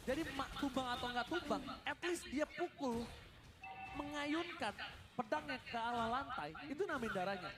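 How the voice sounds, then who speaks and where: Male esports caster, Indonesian accent. Extremely high pitch, dramatic fighting-game-announcer delivery. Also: normal speed, over loud music. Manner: dramatic, shouts key plays with English catchphrases. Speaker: esports match commentator.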